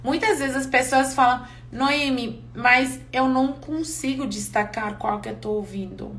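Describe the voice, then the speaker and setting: A woman who did not grow up speaking Portuguese, teaching a live online English class and talking in a candid, chatty, expressive way. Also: high voice, measured pace.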